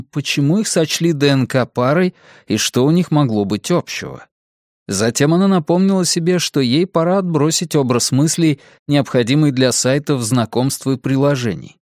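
This audiobook narration comes from a man whose mid-range voice tells the scripted story in an even, measured way. The sound is clean studio audio without echo.

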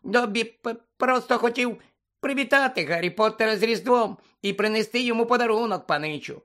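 A man voicing a timid, eager male house-elf servant with a squeaky voice in an audiobook. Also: a little fast, a bit bright.

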